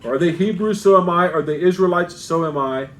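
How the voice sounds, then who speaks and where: A man's voice: high voice, brisk, fairly bright tone, slight background noise, rough recording. A man preaching an expository sermon as pastor, reading scripture aloud and then explaining it in plain asides with frequent restarts.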